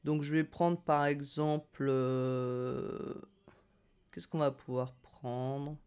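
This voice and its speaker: A chatty, upbeat woman walks viewers through a software tutorial on screen. She talks casually, peppering her explanations with hesitant fillers as she clicks through menus. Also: a bass voice, steady tone, extremely slow, clean tone. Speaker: no-code tutorial host.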